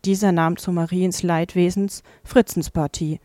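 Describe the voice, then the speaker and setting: A woman narrating a classic fairy tale in a calm, measured reading voice. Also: on the low side, no echo. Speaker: audiobook narrator. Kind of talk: scripted storybook narration.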